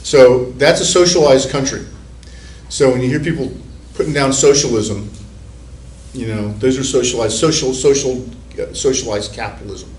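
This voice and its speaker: A man's voice: mid-range voice, normal speed, darkish tone, far from the mic. A male professor lectures to a class in a casual, rambling way, circling back on his words as he thinks aloud. He is heard from across an echoey room, with a faint hiss behind him. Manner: rambling, conversational, with restarts and repeated words. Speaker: university psychology professor. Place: university classroom.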